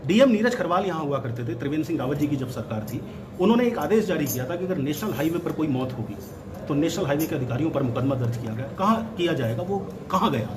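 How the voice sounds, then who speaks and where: A male reporter with a slightly high voice asks a measured question, citing figures in a factual tone. Clear street noise surrounds his voice at this outdoor protest. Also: animated. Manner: measured, factual, mixes in English phrases. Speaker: local reporter.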